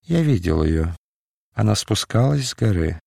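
A man voicing a mysterious male stranger who speaks calmly, dispassionately and with faint mockery. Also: fairly low pitch, unhurried, gravelly, no room sound, studio quality, full character voice. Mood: cryptic, wry. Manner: calm, dispassionate, faintly mocking. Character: mysterious calm male stranger, cryptic and mocking.

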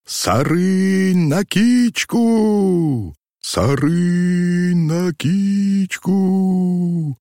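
A man narrating an audiobook in an expressive storytelling manner. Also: low voice, breathy edge, no room sound, studio quality. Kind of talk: scripted narration.

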